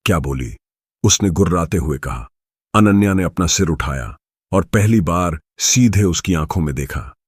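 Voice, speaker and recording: Very deep husky male storyteller. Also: lively intonation, moderate pace, dry recording, clean studio sound. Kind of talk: scripted story narration.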